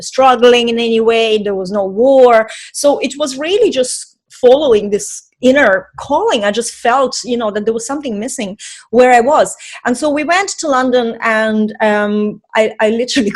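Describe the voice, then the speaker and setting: Chatty higher-voiced woman from Estonia. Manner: chatty and animated, frequent fillers and laughs. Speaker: podcast guest. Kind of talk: casual storytelling in an interview.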